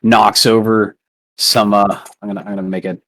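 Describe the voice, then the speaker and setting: A man's voice: lowish voice, little pitch movement, moderate pace, a bit bright. Laid-back male game master. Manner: loose, casual, swears freely. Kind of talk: casual tabletop game narration.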